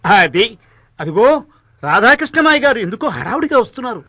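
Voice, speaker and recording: An actor playing a learned male priest who explains things in a measured way. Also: very high voice, very animated, sharp tone, dry recording, exaggerated voice. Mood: explaining. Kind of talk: devotional drama dialogue.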